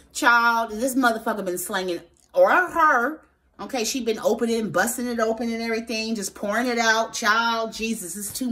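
A woman giving a casual tarot reading, sassy and expressive, swearing freely and talking straight to her viewers. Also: on the high side. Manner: talks straight to viewers, asks spirit aloud. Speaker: tarot reader.

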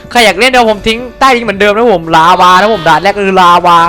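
A man hosting a gaming channel, giving excitable, jokey let's-play commentary full of swearing and boasting. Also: high voice, racing, faint music behind.

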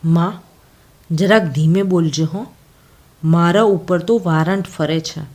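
A woman's voice: slow pace, a little mellow. A woman playing a choked, remorseful fugitive son. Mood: remorseful urgent. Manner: choked, tearful, low urgent. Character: hunted young man, a fugitive son, remorseful.

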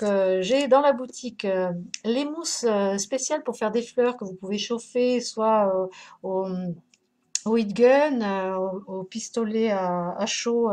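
A woman's voice: fairly high pitch, darkish tone. A woman hosting a craft live stream, chatting casually, greeting viewers by name with many hesitations.

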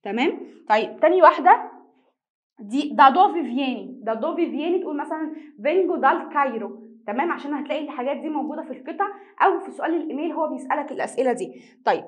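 A young woman with an Egyptian accent teaches an online language lesson. Her voice sits high and she talks fast. She often poses a question to the class and then answers it herself. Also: animated. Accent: Egyptian Arabic. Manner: repeats each word twice slowly for students.

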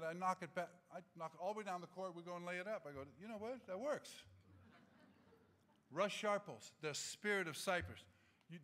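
A man in his sixties giving an animated, humorous acceptance speech from a podium microphone in a large auditorium. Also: sits high. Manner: animated, gesturing, humorous anecdotes.

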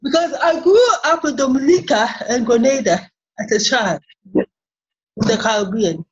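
A Ghanaian software engineer in her forties talks about herself haltingly, repeating many words, as an interview guest on a video call from a small office. Her voice is a little high and animated, and the laptop webcam audio is muffled, with a slight hiss or hum.

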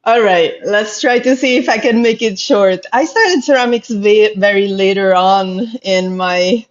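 An Italian woman with an Italian accent, a pottery artist, tells her story in a casual interview, speaking unhurriedly in a mid-range voice. She is thoughtful and sometimes searches for words. She's in an indoor room with bookshelves, on a video call through headphones, and the lo-fi call audio sounds slightly dull.

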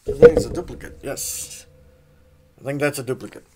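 A man's voice: mid-range voice, wildly swooping pitch, fairly quick, creaky, heavy background noise. A man casually unboxing comics, rambling, trailing off and swearing offhandedly. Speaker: comic unboxing channel host.

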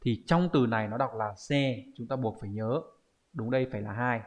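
A man who teaches Japanese online, with a Vietnamese accent, runs through exam answers at a brisk pace in a mid-range voice. He explains as he goes and often throws in rhetorical questions for viewers to confirm.

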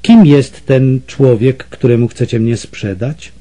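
Storybook heroine: man doing a distressed, pleading captive mother, dark-toned. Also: mid-range voice, slow, close to an everyday voice. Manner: pleading and shocked. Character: frightened but firm captive lady, mother.

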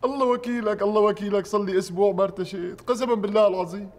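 An actor with a Syrian accent playing a scheming middle-aged clerk who cajoles and bargains craftily. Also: male voice, sits high, steady tone, racing, a little mellow, lightly acted. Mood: cajoling. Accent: Syrian Arabic. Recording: reverberant studio set.

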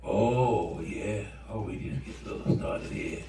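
A man preaching a sermon, swinging between soft asides and shouts, answering the congregation. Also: lowish voice, measured pace, creaky, far from the mic. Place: church. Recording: echoey church room, mic from afar.

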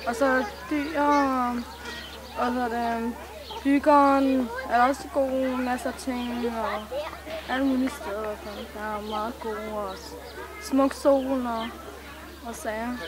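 A young woman speaking outdoors in a courtyard in a vox pop interview. Her voice is high, and she pauses often as she searches for words. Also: steady tone. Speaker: resident.

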